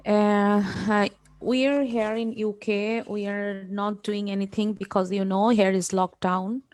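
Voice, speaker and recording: A woman's voice: medium pitch, little pitch movement, measured pace, a little mellow, no echo. A woman from Bangladesh, a student answering her tutor hesitantly on a video call. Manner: hesitant, many fillers. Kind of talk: class conversation.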